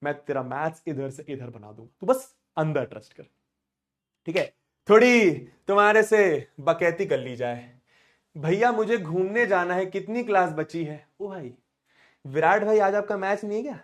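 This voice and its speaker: A man's voice: high-pitched, moderate pace. A man teaching a live online math class, chatty and teasing, bantering with students and repeating questions to drill them.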